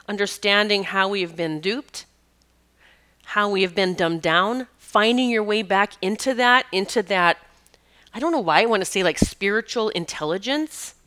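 A woman's voice: medium pitch, fairly bright tone. A woman hosting a show, telling a personal story in an earnest, emotional way, with restarts and laughs as she goes. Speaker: podcast host.

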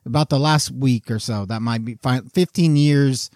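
A man's voice: medium pitch, normal speed, a little mellow, dry recording. Man chatting self-deprecatingly, dry sound. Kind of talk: casual podcast chat.

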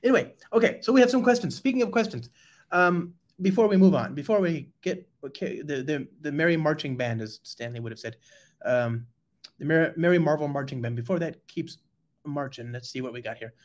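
Male host, excitable, stumbling, casual chat. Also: a little high, a little fast. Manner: excitable, stumbling restarts and laughs. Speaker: podcast host.

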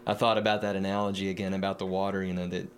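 A man's voice: low voice, level tone, rapid-fire, a little hiss or hum. A man in a reflective spiritual discussion, talking thoughtfully with frequent repeated words.

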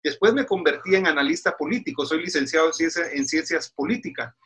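A middle-aged man from Guatemala speaks as a podcast guest, earnest and preacherly, often restarting his sentences. His voice is husky and bright, sitting fairly high for a man. He talks like a pastor giving advice. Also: lively intonation, quick pace. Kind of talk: casual interview talk.

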